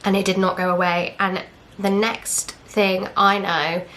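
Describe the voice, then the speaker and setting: A young Englishwoman, a vlogger, speaks at medium pitch with a flat, measured delivery and a fairly bright tone over slight background noise. She candidly tells a personal story in casual chat, acting out what others said with quoted dialogue and fillers.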